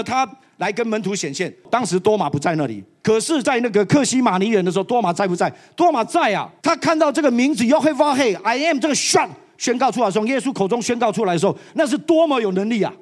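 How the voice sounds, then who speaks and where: A church elder preaching a sermon to a live audience, animated and slipping English phrases into his talk. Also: sits high.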